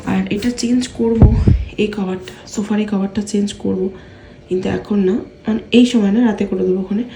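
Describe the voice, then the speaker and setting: Softly spoken woman vlogging. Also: mid-range voice, a little hiss or hum. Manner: speaks softly and quietly so as not to wake her sleeping son; rambling, with many fillers and restarts. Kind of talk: casual daily-life vlog chat. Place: at home.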